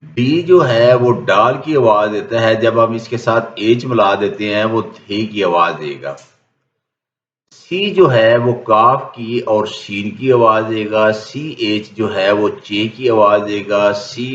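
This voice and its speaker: A man's voice: lowish voice, a bit bright. A man, a native Urdu speaker, explaining an English lesson plainly and methodically, one step after another. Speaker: English teacher. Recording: echoey room, dull lo-fi sound.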